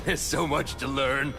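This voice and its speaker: A deranged game villain, a serial killer gleefully philosophizing about death. He is theatrical and taunting, drawling slowly in a gravelly voice that sinks into whispers, over loud music. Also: mid-range voice. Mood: fascinated, gleeful. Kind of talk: video game cutscene acting.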